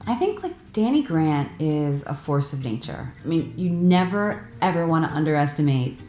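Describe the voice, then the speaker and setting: A woman's voice: sits low, sing-song, normal speed, warm tone. A woman talking chattily and candidly in an interview about contributing a story to a book. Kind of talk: casual interview talk. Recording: roomy with faint music.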